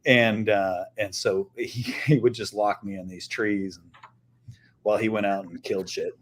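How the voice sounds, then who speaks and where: A man's voice: on the low side, fairly even intonation, moderate pace. A middle-aged man co-hosting a podcast, telling stories in a loose, joking way with some swearing. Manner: storytelling, laughing and swearing. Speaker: podcast co-host. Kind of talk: casual chat.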